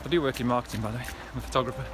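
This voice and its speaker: This running vlogger talks very fast in a steady, medium-pitched voice, with music in the background. He chats conversationally to his audience, encouraging them as he runs a hillside trail by the reservoirs.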